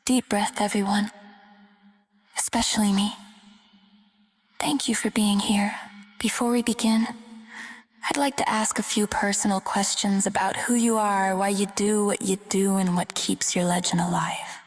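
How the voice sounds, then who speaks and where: A woman hosting and narrating a spooky story show in a whispered role-play, playful and teasing, with a breathy whisper. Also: medium pitch, little pitch movement, moderate pace. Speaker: host and storyteller. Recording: reverberant, with music behind.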